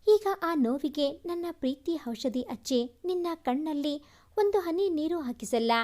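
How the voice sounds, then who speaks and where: Female narrator as short-fused young husband, high-pitched, storybook reading. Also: expressive, unhurried, dark tone. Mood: pleading tender. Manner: pleading, then harsh and scolding. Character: brooding young man confessing love, quick-tempered.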